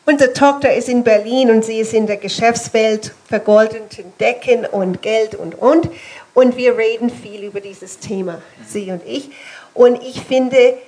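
Earnest middle-aged woman, higher voice. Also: a little mellow, rough recording. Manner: earnest, thoughtful. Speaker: church panel guest.

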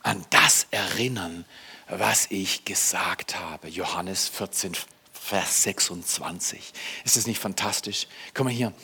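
A man, preaching a sermon and talking straight to the congregation, swinging from loud bursts to hushed whispers and repeating phrases for emphasis. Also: lowish voice, slightly rough. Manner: repeats phrases for emphasis, talks directly to the audience.

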